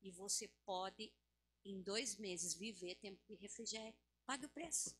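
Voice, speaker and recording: A woman from Brazil preaching a sermon in church, impassioned and exhorting, swinging from loud calls to low hushed tones. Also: measured pace.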